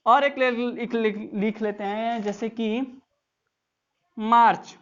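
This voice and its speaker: A woman's voice: on the high side, steady tone, measured pace, fairly bright tone, highs cut off. A woman teaching English grammar in an online class, explaining step by step and often checking that students follow.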